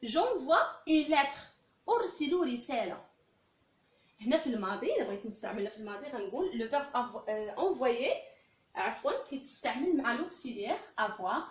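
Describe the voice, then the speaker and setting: A woman with a Moroccan Arabic accent, teaching French grammar step by step and repeating each example phrase slowly and carefully. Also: fairly high pitch, animated, echoey room.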